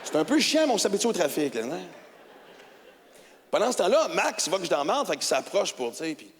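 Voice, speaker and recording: A middle-aged Québécois comedian tells his story in an animated, colloquial way, his voice high and very expressive. He moves between muttered asides and shouts. A handheld mic picks him up in a big reverberant hall with the crowd faintly behind. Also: fairly quick, a little hiss or hum. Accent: Québécois French. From Quebec. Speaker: stand-up comedian. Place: large theatre stage with audience. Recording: hall reverb with audience ambience.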